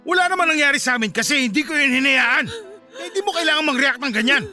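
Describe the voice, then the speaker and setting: A man's voice: very high-pitched, lively intonation, quick pace. A man playing an exasperated, protective father, stern and pleading in a teleserye confrontation in Filipino radio drama. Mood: stern, alarmed. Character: exasperated protective middle-aged father breaking up fight. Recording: dramatic music underneath.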